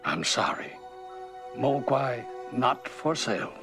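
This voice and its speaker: A man's voice: mid-range voice, expressive, slow pace, music in the background. An older man playing a solemn grandfather who keeps a shop, grave and terse, in a film. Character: solemn old Chinese grandfather shopkeeper. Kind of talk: film acting.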